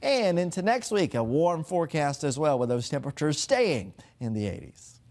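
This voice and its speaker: A man presenting a TV weather forecast, with lively rising emphasis on key points. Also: a little high, moderate pace. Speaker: TV meteorologist.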